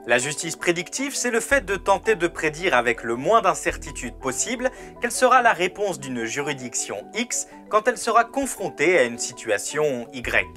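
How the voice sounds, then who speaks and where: A man voicing a cheeky male AI assistant, speaking in a robot voice with a flat, matter-of-fact delivery. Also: on the high side, normal speed, hardly any pauses, faint music behind.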